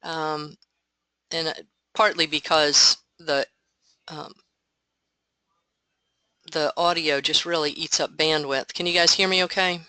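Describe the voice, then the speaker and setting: A woman walking a group through software on an online call through her headset. Her voice is bright and bold, and her patient explanations are dry and close. She thinks aloud as she goes. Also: deep voice, fairly even intonation, slow, pauses often, smooth, no room sound, poor audio. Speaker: software trainer. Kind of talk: online meeting walkthrough.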